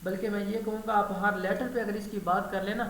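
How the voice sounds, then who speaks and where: A man's voice: sits high, flat delivery, fairly bright tone. Man teaching step by step in an echoey room. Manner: explains step by step, quizzing the trainee. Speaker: teacher trainer. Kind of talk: online teacher training lesson. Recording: echoey room, faint hiss.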